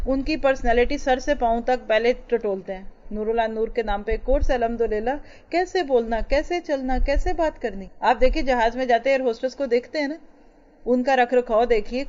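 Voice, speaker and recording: A woman's voice: a little high, a little mellow. Emphatic woman teacher giving a religious lecture. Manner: emphatic, asks the listeners rhetorical questions. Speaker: Islamic teacher. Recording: dull lo-fi recording.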